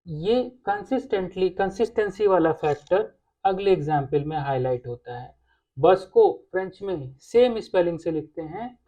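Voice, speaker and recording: Slow, patient woman teacher. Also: on the low side, muffled recording. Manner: slow, patient explaining with frequent "okay". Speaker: French teacher. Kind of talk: online language lesson.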